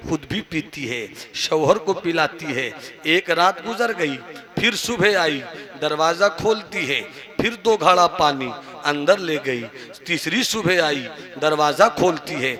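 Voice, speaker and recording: A male preacher telling a story in a sermon, building up to long, drawn-out shouts and chanted verse at a public gathering. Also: fairly high pitch, lively intonation. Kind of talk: Urdu-Hindi religious sermon with chanted verse.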